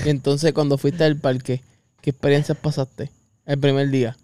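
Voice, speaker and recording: A man's voice: fairly high pitch, little pitch movement, normal speed, dark tone, no echo. A man, co-hosting a casual podcast, pushing his friend with teasing questions and cutting in. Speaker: podcast co-host. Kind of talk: casual chat.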